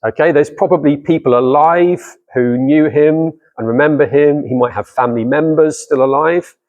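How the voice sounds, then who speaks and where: Speaking in a slightly high, slightly mellow voice, this middle-aged guest speaker, who isn't from Cardiff, addresses a church congregation about scripture. His delivery is conversational, and he poses questions to those listening.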